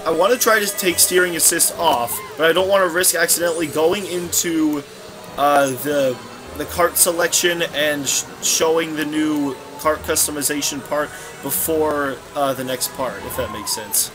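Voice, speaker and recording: A man's voice: on the high side, normal speed. Rambling young man narrating his gameplay. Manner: rambling, scatterbrained, self-correcting. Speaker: let's play commentator. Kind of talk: casual gameplay commentary. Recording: game music playing behind.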